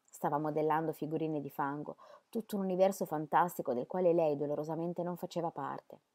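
A woman narrating an audiobook in a measured, expressive reading voice. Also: deep voice. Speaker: audiobook reader.

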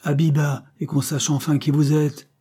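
A man voicing an indignant elderly nobleman in a read-aloud historical novel, shouting in anger. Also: a little high, level tone, a little slow, husky, voice pushed up. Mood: stern. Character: furious elderly nobleman, proud uncle.

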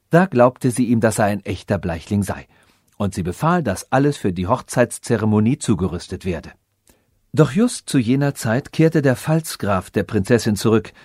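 A man narrating a science fiction fairy tale audiobook in a measured storytelling manner. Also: on the low side, darkish tone, breathy edge, no room sound, studio quality.

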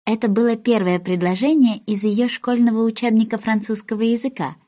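A woman reading a children's story aloud as an animated, expressive narrator. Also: fairly high pitch, fairly quick. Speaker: storybook reader.

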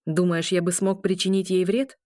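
A woman's voice: lowish voice, little pitch movement, normal speed, dark tone, dry recording, clean studio sound, natural voice. A woman voicing a tense young werewolf man who cracks nervous, sardonic jokes. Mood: wry. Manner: wry, nervous joking.

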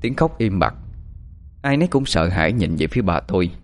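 Low-voiced storyteller. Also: male voice, very animated, fairly quick, soft background music. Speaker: narrator. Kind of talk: storytelling narration.

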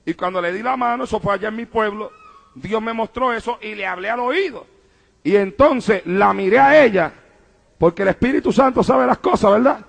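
A man's voice: high-pitched, normal speed, creaky. A male pastor preaching a fervent sermon to a congregation, with repeated refrains and calls of praise. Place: church service before a congregation.

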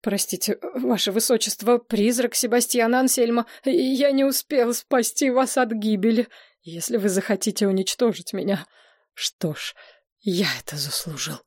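A woman's voice: fairly high pitch, fairly even intonation, normal speed, few pauses, a little mellow, no room sound, clean studio sound, close to an everyday voice. A woman doing a fussy old royal ambassador. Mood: grieving. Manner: agitated, stammering, then gruff and scolding. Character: fussy elderly male royal ambassador, stern but soft-hearted.

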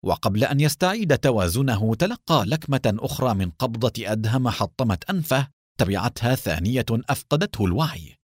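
A male narrator reading an adventure story aloud with dramatic expression. His pitch moves a great deal, and the recording is dry and close with no room sound. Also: very animated, a little fast, no echo.

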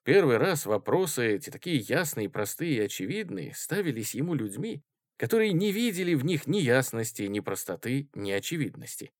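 A man narrates a novel in a lively, expressive reading voice, with pitch moving freely through each sentence. He gives every character a voice of its own. The recording is dry and close to the mic. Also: normal speed, no echo. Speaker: audiobook reader.

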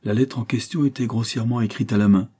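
A man narrating a novel in a measured, steady storytelling manner. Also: medium pitch, slightly rough. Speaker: audiobook narrator.

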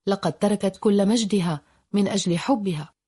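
A woman's voice: mid-range voice, fairly quick, mellow, husky, lightly acted. A woman voicing an earnest young man who is a loyal friend, in a storybook reading.

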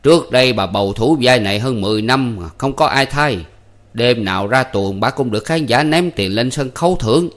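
A man's voice: mid-range voice, animated, fairly quick, lightly acted. A man voicing an old male theatre troupe manager who is jovial and commanding, with a theatrical, declaiming way of talking. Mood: explaining. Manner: theatrical, bellowing stage declamation.

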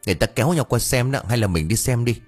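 A man voicing a cheeky, gossipy young village man who talks high and whiny, speeding up when upset. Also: animated, fast talker, breathy edge, faint music behind. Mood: chatty.

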